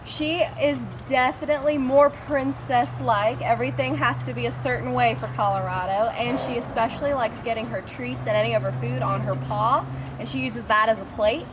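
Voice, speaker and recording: A woman's voice: fairly high pitch, normal speed. A cheery, enthusiastic woman working as a zookeeper, explaining things casually to visitors. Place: outdoors at an animal habitat. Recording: clear outdoor ambient noise.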